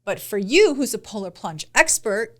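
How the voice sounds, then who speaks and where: A woman's voice: mid-range voice, animated, normal speed. A woman co-hosting a podcast, telling a travel story in casual chat and teasing her husband. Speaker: podcast co-host.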